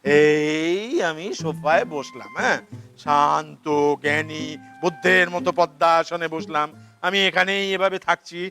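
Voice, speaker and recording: Ranting Kolkata dad played by a man: high, bright, sarcastic, keeps shouting the same lines. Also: fairly quick, soft background music. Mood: forced calm. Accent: Kolkata Bengali. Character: frantic middle-aged father of the bride, money-obsessed. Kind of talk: theatre play reading.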